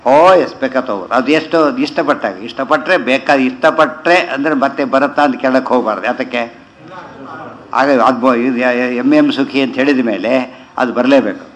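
Casting: male religious teacher, mid-pitched, measured verse recitation broken by brisk explanations. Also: fairly bright tone, low-quality recording. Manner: chants verses slowly, then explains in quick conversational asides. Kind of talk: scripture commentary lesson.

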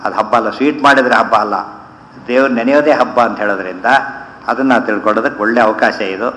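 A man giving a devotional discourse, explaining verses line by line and chanting Sanskrit lines slowly. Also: lowish voice, fairly even intonation, fairly bright tone, a little hiss or hum. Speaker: religious teacher. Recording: echoey hall.

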